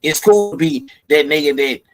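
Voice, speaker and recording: A man with a somewhat high voice talks on a podcast in slangy, animated street speech, making his case like a lecture. His line cuts in and out a little, as if coming over a remote call. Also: normal speed, low-quality recording. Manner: animated, preachy street talk. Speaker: podcast host. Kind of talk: casual podcast conversation. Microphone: remote call with connection breaking up.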